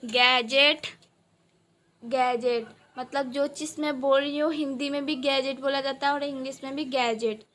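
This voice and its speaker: A woman teaching vocabulary, saying each word and its translation twice in a slow, deliberate drill, and speeding up for short explanations. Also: sits high, fairly even intonation, a bit bright. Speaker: English teacher.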